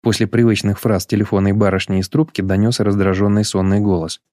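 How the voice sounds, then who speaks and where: A man reading an audiobook in scripted narration, measured and even, on a close mic. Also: fairly low pitch, no echo.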